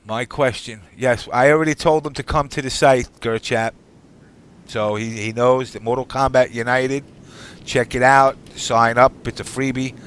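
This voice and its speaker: A man's voice: medium pitch, fairly even intonation, moderate pace, fairly bright tone, slight background noise. A man hosting a live online talk show in an informal, rambling way. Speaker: show host.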